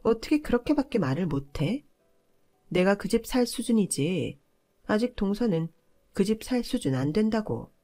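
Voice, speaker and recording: A woman's voice: sing-song, moderate pace, dark tone. A woman voicing a bossy, entitled older sister-in-law who scolds and talks down to others. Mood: condescending. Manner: shrill, scolding, condescending.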